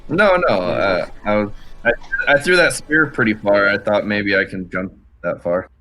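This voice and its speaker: A man's voice: lowish voice, normal speed, pushed and bright, soft background music, poor audio. A man playing a tabletop game in a casual, joking way. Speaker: player.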